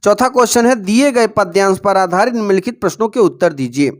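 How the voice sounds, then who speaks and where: High-voiced male teacher explaining exam answers. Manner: addresses students as dear children, repeats prompts to pay attention; recites verse slowly and deliberately. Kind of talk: exam-prep lesson for students.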